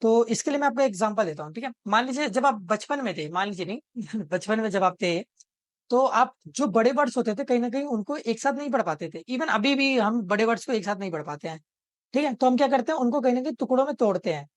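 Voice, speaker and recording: A man's voice: very high voice, lively intonation, no room sound. A man teaching an exam-prep video lesson, explaining step by step and checking in with the viewer after almost every phrase. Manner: explains step by step and repeats words slowly, breaking them into parts. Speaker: tutor.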